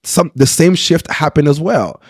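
Speaking slightly slowly, this thirty-something pastor recounts his personal story in an interview with earnest candor, frequently starting over and asking "right?". The voice is a little high, expressive and a little mellow with a breathy edge, dry on a close studio mic in a small podcast room.

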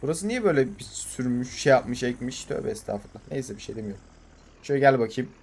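A young Turkish gaming channel host talks over his farming game in a casual, excitable way, cursing and egging his tractor on. His voice is mid-range, quick and a little rough.

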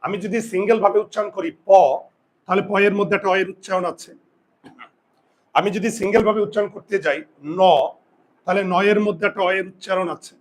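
A man's voice: high voice, fairly even intonation, fast talker, low-quality recording. A man teaching a pronunciation lesson in class. He drills the rules over and over and keeps asking his students questions. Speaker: Bengali grammar teacher.

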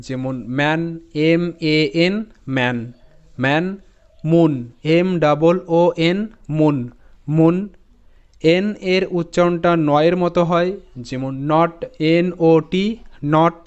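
A man teaching English phonics, spelling each word letter by letter and repeating it slowly, and checking in with his students. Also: fairly high pitch, a little mellow, clear, resonant tone, highs cut off. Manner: addresses students directly with "ঠিক আছে?". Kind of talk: phonics lesson.

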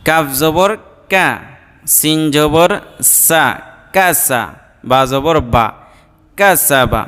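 A man leads a slow, drilled reading lesson, naming each letter and its vowel before blending the sounds together. His voice is clear and smooth and sits a little high. The sound rings with a long hall reverb. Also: lively intonation, a bit bright. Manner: spells each letter and vowel slowly, then joins syllables. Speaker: Quran reading teacher.

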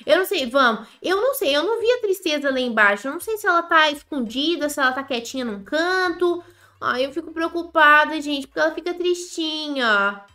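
A woman with a Brazilian Portuguese accent giving chatty, excitable commentary on a game she is playing, often talking straight to her viewers. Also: high-pitched, a little fast. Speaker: gaming YouTuber. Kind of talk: Roblox gameplay commentary.

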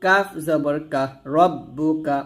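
A man with a rather high voice teaches a step-by-step recitation lesson. He speaks, spelling out each letter slowly and then blending the letters into words for his viewers to repeat. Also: fairly bright tone. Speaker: Quran reading teacher.

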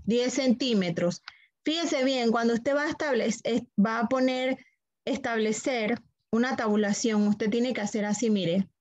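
A woman's voice: on the high side, unhurried, darkish tone, no room sound. Patient woman teacher, muffled online class. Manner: patient, repeats steps, checks understanding. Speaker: computer teacher.

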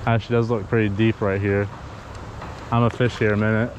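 A young fishing vlogger on a paddle board narrates a river fishing trip in a relaxed, chatty way, coaching a friend as he goes, in his lowish voice at a brisk pace. It's a casual outdoor vlog captured by an action camera on the board, so the audio has its highs cut off and flowing water can be heard in the background.

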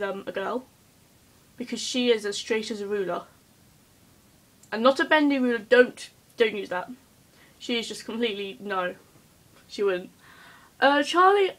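A young-sounding woman talks straight to camera in a casual vlog. Her voice sits a little high, and she is hyper and giggly, rambling from one thought to the next with plenty of ums. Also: a bit bright, rough recording. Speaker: vlogger.

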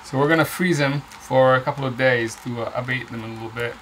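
A man's voice: mid-range voice, fairly even intonation, quick pace, a bit bright, slight background noise, rough recording. A man in his fifties, chatting casually while he cooks in a boat galley and explains the dish. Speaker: sailing vlogger. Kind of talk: casual chat while cooking.

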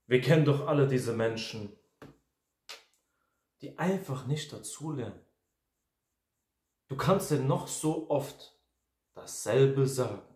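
A man's voice: medium pitch, slow, pauses often, a little mellow. A man in his twenties, a life coach talking casually to camera in an emphatic, repetitive ranting manner. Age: 20s. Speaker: life coach and video host. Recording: echoey room.

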